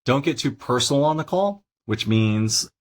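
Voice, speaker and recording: A middle-aged man giving a casual training talk on phone skills, relaxed and conversational with frequent offhand asides. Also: mid-range voice, normal speed.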